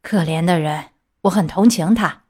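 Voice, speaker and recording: Gruff puppet showman, lower voice, kind underneath, as read by a woman. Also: moderate pace, warm tone. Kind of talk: storybook reading.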